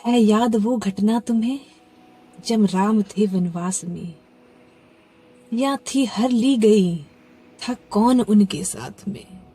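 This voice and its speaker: A woman reciting devotional poetry with expressive delivery, her voice swelling and sinking to soft near-whispers on the refrains. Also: medium pitch, slow pace, pauses often, slightly rough. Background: faint background music.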